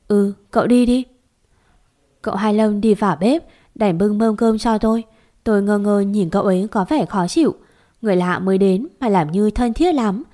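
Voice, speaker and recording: A woman narrating a love story in a calm, even reading voice. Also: medium pitch. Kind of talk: audiobook narration.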